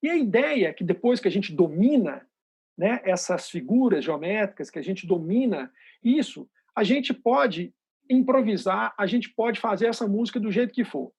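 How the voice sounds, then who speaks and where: A man teaching a rhythm workshop, patiently explaining and counting beats out loud. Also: high voice, lively intonation, normal speed, slightly rough. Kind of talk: rhythm lesson.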